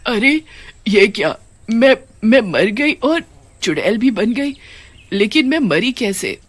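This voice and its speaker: A woman's voice: on the high side, sing-song, takes it slowly, pitched above the performer's own voice, full character voice. A woman voicing a grieving ghost mother witch. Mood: anguished. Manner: lamenting, emotional. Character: widowed mother turned sorrowful witch ghost.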